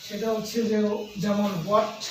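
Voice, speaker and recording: A man's voice: high-pitched, completely flat delivery, far from the mic. Echoey Bengali-accented male tutor from afar. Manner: explains slowly, repeats words, stretches English terms aloud. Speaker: English tutor. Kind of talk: classroom grammar lecture. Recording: echoey room, voice from afar, faint noise.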